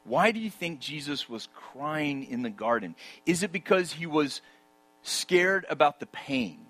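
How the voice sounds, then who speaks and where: A man preaching a sermon, emphatic and full of rhetorical questions, dropping to a hush for key points. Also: a little high, very animated, measured pace.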